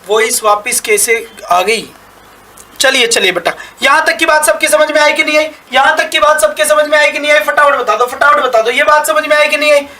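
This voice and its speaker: A man's voice: extremely high pitch, fairly even intonation, fairly quick, bright, forceful tone. A male teacher giving a live online class. He repeats each point, asks questions and answers them himself, and praises his students often. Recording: echoey room, mic at a distance.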